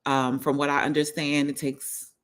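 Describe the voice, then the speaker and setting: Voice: mid-range voice, flat delivery, moderate pace, a bit bright. A holistic health coach hosting a casual live stream, talking in an earnest, encouraging way and repeating phrases for emphasis. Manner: repeats phrases for emphasis, many "you know" fillers.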